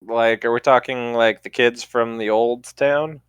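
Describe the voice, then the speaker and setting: A man's voice: mid-range voice, fairly even intonation, unhurried, clear, resonant tone, no echo. A man playing a tabletop role-playing game, joking and playful in character. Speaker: player.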